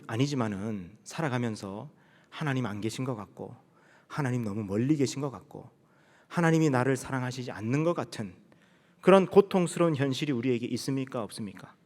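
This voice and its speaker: A male pastor preaching a sermon to a congregation, building to emphatic rhetorical questions and then dropping low, with slow solemn passages of scripture reading. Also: lively intonation, a little mellow, in a large hall. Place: church sanctuary.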